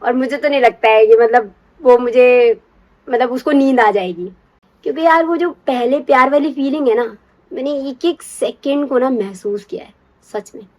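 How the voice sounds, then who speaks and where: Young woman storyteller, slightly high voice, chatty and confiding, drops to whispers. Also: moderate pace. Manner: chatty, confiding, keeps asking "you get it?"; drops to a hushed whisper when acting out secrecy. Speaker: storyteller recalling her first love. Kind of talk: casual personal storytelling.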